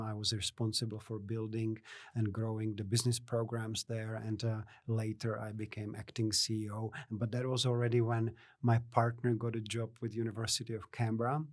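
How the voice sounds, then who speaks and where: A middle-aged man from the Czech Republic, a native Czech speaker, answering interview questions in a measured way with many fillers and restarts. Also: on the low side, darkish tone, dry recording, clean studio sound. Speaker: guest, innovation network CEO. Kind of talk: podcast interview.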